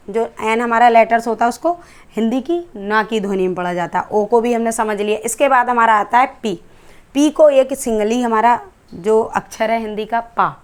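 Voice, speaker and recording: A woman English teacher with an Indian accent, explaining letter sounds step by step in a classroom-style lesson and asking rhetorical questions as she goes. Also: fairly high pitch.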